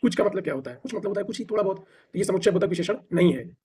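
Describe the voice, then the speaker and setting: A male teacher with an Indian accent runs through word lists for an exam. His voice sits high for a man and has a husky edge. He recites quickly, stopping for short asides in English. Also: lively intonation, dark tone. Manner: rapid list recitation with brief explanations; mixes English phrases into Hindi. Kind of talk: exam-prep vocabulary drill.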